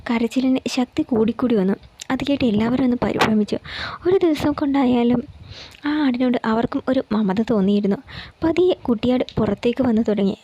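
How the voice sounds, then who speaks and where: A woman reading a romance story aloud in a calm, steady way. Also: a little high, slightly rough, muffled recording.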